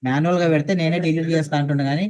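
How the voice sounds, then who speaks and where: A man coordinating an online work meeting, explaining quickly and in a businesslike way. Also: fairly high pitch, level tone, darkish tone.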